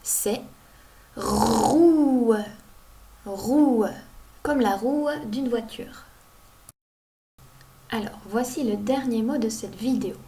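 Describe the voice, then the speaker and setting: Lady teacher, kinda high voice, slow careful sounding out for little kids. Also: warm tone. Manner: slow, clearly sounding out each word. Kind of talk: reading lesson for young children.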